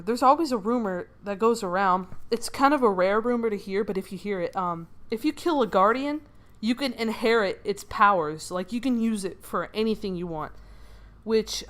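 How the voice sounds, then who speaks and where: A woman's voice: fairly high pitch, a bit bright, clear, resonant tone. A woman casually telling a dream story while she doodles, rambling with many fillers, giggles and swears. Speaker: channel creator.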